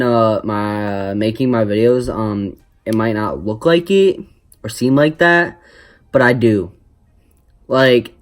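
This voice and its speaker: A young man with a mid-pitched voice hosts a casual vlog. He talks slowly, in a stop-start ramble. He keeps it jokey and puts himself down as he goes. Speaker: vlogger.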